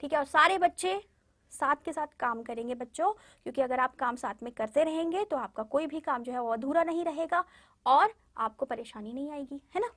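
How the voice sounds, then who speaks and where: A woman's voice: high-pitched, brisk, a bit bright, no echo. A woman teacher giving a lesson to young pupils, patiently repeating words for them to say along and often checking in with them. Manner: frequent "ठीक है" check-ins and fillers. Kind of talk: classroom lesson addressed to children.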